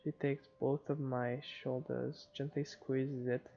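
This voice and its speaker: A man's voice: medium pitch, flat delivery, slow, creaky, dull audio. A man reading a visual novel aloud as dramatic narration for a playthrough.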